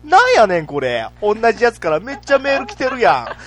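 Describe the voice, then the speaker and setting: A man voicing an irritable young male comedian who grumbles to himself in a Kansai accent, breaking into a shrill catchphrase. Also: wildly swooping pitch, fast talker, a bit bright, soft background music, full character voice. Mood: grumbling. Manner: griping, with a shrill repeated catchphrase. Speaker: radio co-host.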